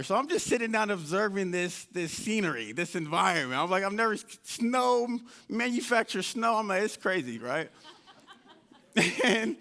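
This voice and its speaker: Before an audience on an event stage, a high-voiced, creaky-sounding man from Indianapolis, United States, gives a live motivational storytelling talk. He is an animated storyteller who performs his own past conversations.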